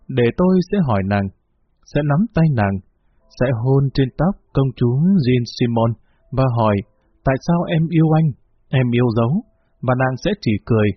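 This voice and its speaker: Husky man reading a story, tinny sound. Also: mid-range voice, animated, moderate pace, dry recording. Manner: storyteller voicing dialogue lines. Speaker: narrator. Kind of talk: audiobook narration. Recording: tinny lo-fi phone-like recording.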